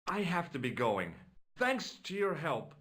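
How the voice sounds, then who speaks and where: An actor playing a calm young male amateur detective in a video game, questioning a witness in a dry, level way. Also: fairly high pitch, a little slow, heavily acted.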